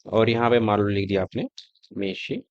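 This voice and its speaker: A man teaching a screen-recorded coding lesson, talking step by step in a relaxed, conversational way as he types and shows results. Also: on the low side, normal speed, dry recording, muffled recording. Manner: conversational, explaining step by step while typing. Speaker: coding tutor.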